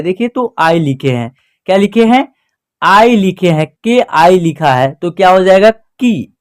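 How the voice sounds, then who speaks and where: A teacher giving a spoken lesson, explaining slowly and patiently, asking questions aloud and answering them right away. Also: mid-range voice, a little mellow, clear, resonant tone. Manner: slow, patient and repetitive explaining.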